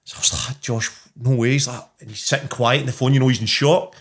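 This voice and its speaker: A middle-aged man with a Glasgow accent telling casual anecdotes in an animated, sweary way, acting out conversations. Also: medium pitch, fast.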